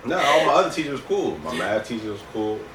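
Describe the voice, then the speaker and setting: A man's voice: mid-range voice, big pitch swings, fast talker, a bit bright. A young man in casual chat as co-host of a couple's video, blunt and slangy, repeating himself for emphasis. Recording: echoey room, distant mic, clear background noise.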